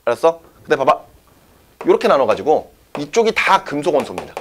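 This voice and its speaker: Male teacher, classroom lecture, slightly high and very animated, checks on students constantly. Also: brisk, a little hiss or hum. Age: young adult. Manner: lively, checks often with students. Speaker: science teacher.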